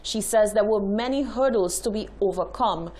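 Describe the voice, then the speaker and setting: A woman anchor reading news introductions in a formal, steady manner. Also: medium pitch, moderate pace.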